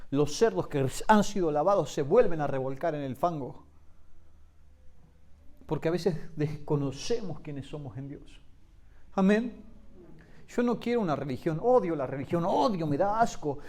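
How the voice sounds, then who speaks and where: A man, preaching a sermon as pastor, swinging from loud emphatic lines to soft low asides.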